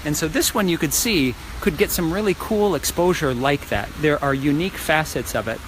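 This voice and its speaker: Upbeat realtor guy doing a casual live house tour, highish voice, pretty noisy phone video. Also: normal speed. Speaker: real estate agent giving a home tour. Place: walking through a large house and its outdoor areas.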